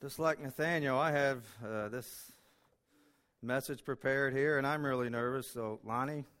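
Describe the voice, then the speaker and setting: Emotional male pastor, clear voice. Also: medium pitch, measured pace, a bit bright. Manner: emotional, self-deprecating, with many fillers. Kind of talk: sermon. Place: church sanctuary.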